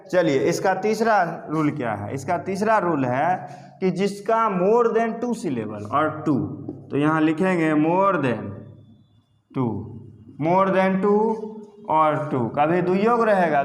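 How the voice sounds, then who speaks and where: A man's voice: on the high side, expressive, slow pace. A man teaching English grammar in a classroom-style lesson, asking questions and answering them himself while repeating key terms. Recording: echoey room with long reverb.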